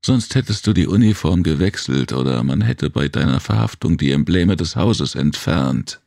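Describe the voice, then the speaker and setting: A man voicing a watchful, older grey-haired male worker in an audiobook who states facts flatly. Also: extremely low pitch, moderate pace, gravelly, no echo, clean studio sound, heavily acted. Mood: matter-of-fact. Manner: factual, neither pity nor scorn. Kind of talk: audiobook character voice.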